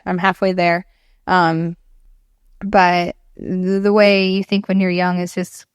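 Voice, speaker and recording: A woman in her thirties talking in a relaxed podcast conversation, reflective and laughing easily, with plenty of fillers. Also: fairly low pitch, clear, resonant tone, no echo, clean studio sound. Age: 30s. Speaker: podcast guest.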